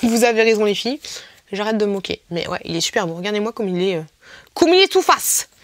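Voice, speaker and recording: A woman's voice: fast talker, a little hiss or hum. A young woman chatting casually through a beauty haul, playful and self-mocking. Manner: chatty and playful, mocks squeaky influencer voices. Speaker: beauty vlogger. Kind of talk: casual haul video chat.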